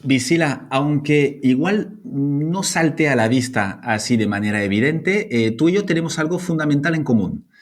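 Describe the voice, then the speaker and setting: A man from France, a native French speaker, hosting an interview podcast in a lively, hesitant way with many fillers. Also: on the high side, moderate pace, few pauses. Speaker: podcast host.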